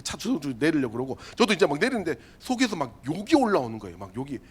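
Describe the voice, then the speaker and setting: High, lively male youth pastor. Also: fast talker, husky. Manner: lively comic storytelling, acting out voices; direct, chatty address to listeners. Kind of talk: sermon to a youth group.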